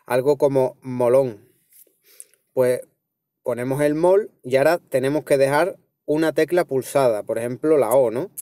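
A man with a Spanish accent from Spain walks his viewers through a phone tutorial in a relaxed, step-by-step way. His voice is smooth and clear, sitting at an ordinary middle pitch. It is recorded dry and close, with no room sound. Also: normal speed, no room sound. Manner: relaxed, explaining step by step with frequent "¿vale?" and "¿veis?". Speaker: tech tutorial host. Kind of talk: casual screen-recorded tutorial.

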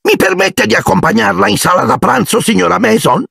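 A man's voice: high-pitched, lively intonation, a little fast, creaky, a bit bright, husky, dry recording, clean studio sound, pitched above the performer's own voice, exaggerated voice. A man voicing a spoiled, dim-witted boy reciting rehearsed lines in a storybook reading. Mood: simpering. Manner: rehearsed, simpering.

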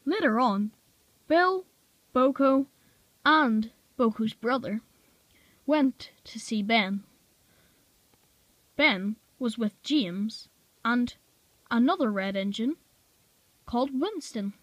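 Slow-reading woman storyteller. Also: on the high side, lively intonation, no room sound. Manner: slow, plain reading with small slips. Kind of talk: amateur reading of a fan story.

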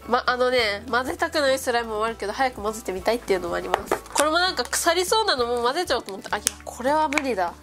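A young woman with a stuffy nose from a cold, chatting excitedly as she plays with slime at a table. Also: a little high. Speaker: slime vlogger. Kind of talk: casual chat. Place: indoors at a table. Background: background music.

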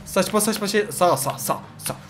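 A man giving loud, joking commentary while playing mobile games. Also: high-pitched, moderate pace. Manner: loud, jokey, swearing, exclaiming at the game. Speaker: gaming youtuber. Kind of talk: let's play commentary.

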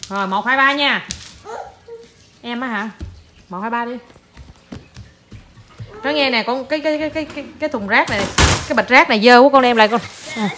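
A woman's voice: a little high, a little fast, pauses often. A mother with a Southern Vietnamese accent, chatting playfully to her toddler and to viewers, teasing and slipping in English words. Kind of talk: casual home video chat.

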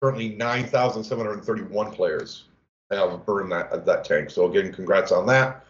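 A man from the game team sharing player stats on a livestream, halting with many fillers. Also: on the low side. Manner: halting, many uhs and restarts. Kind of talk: casual livestream chat. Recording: echoey room, dull lo-fi audio.

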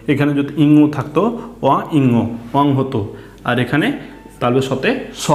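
A man's voice: fairly high pitch, darkish tone, echoey room. A man with a Bangladeshi Bengali accent teaching a children's reading lesson, patiently spelling out letters and asking questions.

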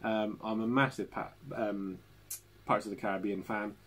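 A man chats casually on a home live stream, his voice low and husky. He is talkative and friendly with his viewers, laughing easily between remarks. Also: fairly even intonation, normal speed. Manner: chatty, warm toward viewers, laughs often. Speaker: channel host. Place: home living room.

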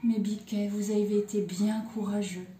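A woman voicing a caring mother goat who gives her kids firm, gentle instructions. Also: medium pitch, animated, unhurried, recorded from a distance, close to an everyday voice. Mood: tender. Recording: echoey room.

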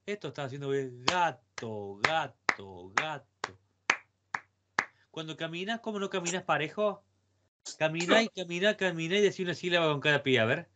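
A man's voice: a little high, moderate pace, heavy background noise. A man with an Argentine accent giving an online guitar lesson over a video call. He coaches the student and chants repeated syllables to count out rhythms. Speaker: guitar teacher. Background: guitar playing.

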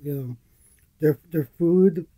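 A man with a husky, slightly higher voice chats in a laid-back, rambling way while reacting to a video. The sound is dry and close, as from a webcam in a small room. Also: takes it slowly, warm tone, no echo. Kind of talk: casual reaction chat. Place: small indoor room with posters.

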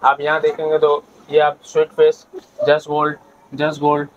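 A man's voice: a little high, monotone, normal speed, lo-fi sound, slight background noise. A man with a Pakistani Urdu accent, a shopkeeper earnestly promising branded goods and discounts in a mall shop. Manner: earnest, repeats that everything is branded. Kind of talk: sales pitch to camera.

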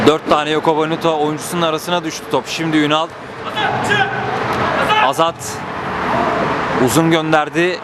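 A man giving live football play-by-play in short, clipped phrases. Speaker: football match commentator. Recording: noisy outdoor pitch recording.

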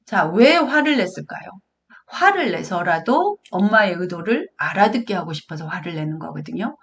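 A woman's voice: lowish voice, sing-song, normal speed, fairly bright tone. Earnest woman giving a parenting lecture. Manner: earnest, addresses audience directly, acts out parent and child quotes. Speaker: parenting educator.

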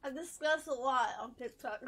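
Bubbly, high-voiced young woman streamer. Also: normal speed, fairly bright tone. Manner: chatty, giggly, talking back to chat. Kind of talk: casual chat while gaming.

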